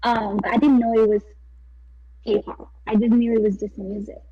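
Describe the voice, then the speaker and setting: A woman's voice: medium pitch, flat delivery, normal speed, husky. A young woman from Thailand, chatting casually on a podcast and rambling giggly through a story with many fillers. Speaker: podcast co-host. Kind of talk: casual chat. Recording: dull, distant mic.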